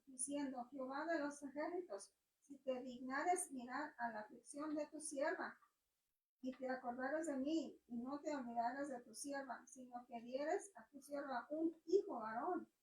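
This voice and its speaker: A woman in the congregation reads scripture aloud, softly and steadily. Her voice sits high. She is far from the microphone, and the church room echoes around her. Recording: distant, echoey church hall.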